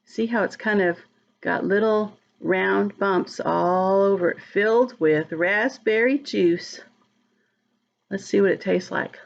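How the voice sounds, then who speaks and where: A woman reads a storybook aloud to young children, slowly and expressively, drawing out words while talking to them directly, chatting and asking questions. Her mid-range voice has a creaky quality. The recording sounds dull.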